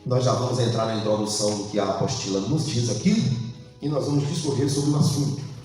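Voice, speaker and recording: A pastor with a Brazilian Portuguese accent leads a Bible study sermon in a church hall, asking his congregation questions and prompting them to answer aloud. His voice is medium-pitched, brisk and a little mellow, captured far from the mic in a very echoey hall with soft music playing in the background.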